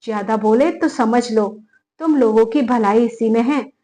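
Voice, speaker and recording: A woman voicing a bullying young daughter-in-law who shouts, scolds and threatens her in-laws. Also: a little high, measured pace, lightly acted. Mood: angry scolding.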